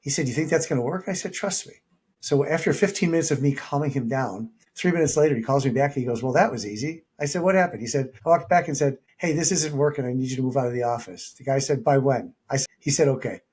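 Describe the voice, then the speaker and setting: A man's voice: medium pitch, fast, darkish tone, breathy edge. A man, a leadership coach being interviewed, talking conversationally and acting out quoted dialogue in his anecdotes.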